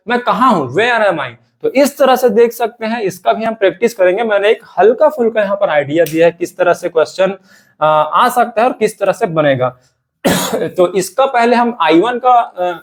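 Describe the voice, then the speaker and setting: A man teaching English grammar, drilling example sentences over and over. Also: high-pitched. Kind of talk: classroom grammar lesson.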